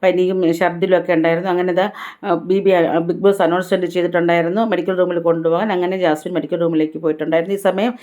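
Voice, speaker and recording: A woman's voice: fairly low pitch, flat delivery, racing, a little mellow. A woman vlogger giving a chatty, casual recap of a reality show episode, retelling who said what. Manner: chatty, tag-heavy retelling.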